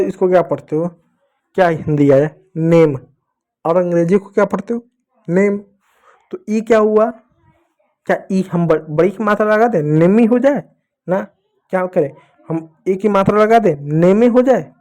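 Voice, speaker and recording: A man with a slightly raised voice teaches reading to children. He keeps asking the class questions and answering them himself, and he spells words out slowly, one letter at a time. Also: sits high, warm tone.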